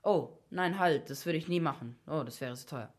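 A woman voicing a greedy, hot-tempered rich Roman builder who shouts and frets. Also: low-pitched, normal speed. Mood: fretting. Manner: shouting, fretful.

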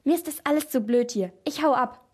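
A rude, fed-up young woman thief who snaps at everyone, read by a woman storyteller. Her voice is high and sharp-tongued in a children's mystery. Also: fairly quick, close to an everyday voice. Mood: snapping. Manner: snappish.

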